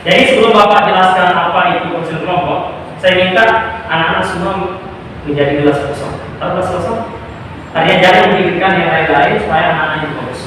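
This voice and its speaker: A man's voice: sits high, fast. Man counseling a group, echoey and distant. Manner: patient, repeatedly checks understanding. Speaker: school guidance counselor. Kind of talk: leading a group counseling session. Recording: echoey room from far off, noisy.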